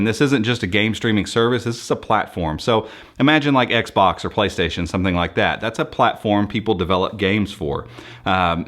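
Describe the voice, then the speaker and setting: An American tech presenter explains things to viewers in unscripted, conversational commentary. He sounds enthusiastic, with a fairly low voice and a fairly bright tone.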